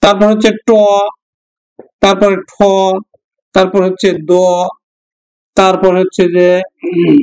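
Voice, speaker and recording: A man with a Bangladeshi Bengali accent teaches an exam-prep grammar lesson step by step, asking his students questions, answering them himself and repeating every example. His fairly high, darkish voice is flat and slow, with long pauses. The recording quality is low.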